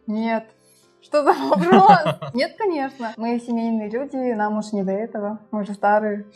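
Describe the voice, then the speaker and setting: A woman's voice: a little high, moderate pace, a little mellow, soft background music. A woman in her twenties chatting assertively in a casual couple Q&A, laughing often. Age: 20s. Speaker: interviewee, wife. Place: studio.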